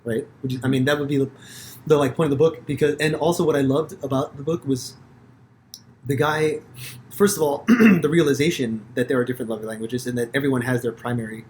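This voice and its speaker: A man's voice: mid-range voice, fairly quick, slight background noise. Rambling, swearing American man. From United States. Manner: rambling, profane, animated storytelling with restarts. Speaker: podcast host. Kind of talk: casual conversation.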